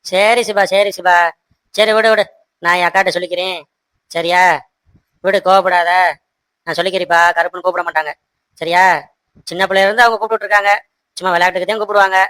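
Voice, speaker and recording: A man's voice: high voice, flat delivery, quick pace, pauses often, pushed and bright, clear, resonant tone, no echo. Man voicing a harried, placating cartoon husband. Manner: soothing, placating, talks to the audience. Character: harried young husband, stuck between wife and sisters. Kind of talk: cartoon voice acting.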